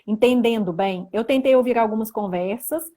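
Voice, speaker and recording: A woman's voice: on the high side, normal speed, dark tone. A young woman from Brazil hosting a casual livestream lesson, chatting and reading viewer comments aloud. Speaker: livestream host teaching Mandarin.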